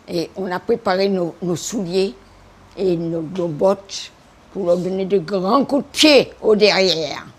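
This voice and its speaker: A 100-year-old woman from Guiana, recalling the war in an interview. She stammers and repeats herself, then drives her points home with emphatic exclamations. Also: on the low side. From French Guiana. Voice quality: gravelly. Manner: halting and repetitive, stammering over words; emphatic, with sound effects and defiant exclamations. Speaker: interviewee, war veteran and retired teacher. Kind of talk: spoken war memories in an interview.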